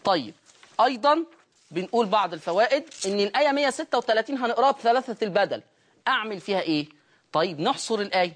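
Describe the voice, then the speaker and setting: Woman, Egyptian accent, recitation teacher, brisk explanations, asks "got it?". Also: mid-range voice, expressive. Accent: Egyptian Arabic. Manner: explains quickly, checks understanding with questions. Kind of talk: Quran recitation lesson on a broadcast.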